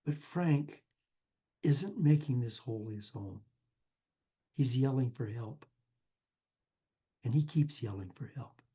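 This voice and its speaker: A man's voice: mid-range voice, lively intonation, slow pace, pauses often, warm tone, breathy edge, highs cut off. A man giving an earnest inspirational talk, telling a parable and calling the listener his friend. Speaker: spiritual speaker.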